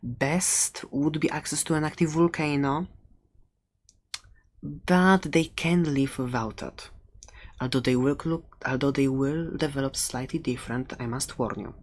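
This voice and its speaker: In an ASMR roleplay, a performer voices a furry animal shopkeeper, speaking softly and haltingly and often drifting toward a whisper, doting yet with an edge of menace. The mid-range voice sounds earnest, as if explaining something.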